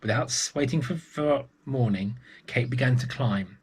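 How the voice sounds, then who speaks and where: A husky, mid-range male voice at a moderate pace reads a picture book to little ones in the early years. He gives the story an expressive reading and chats with the listeners along the way.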